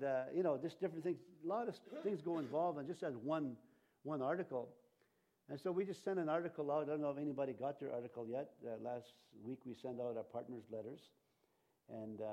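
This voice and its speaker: Preaching to his congregation, this man from Canada speaks in a mellow, mid-range voice. He grew up speaking Cree and Ojibwe, and his sermon rambles, full of fillers and false starts.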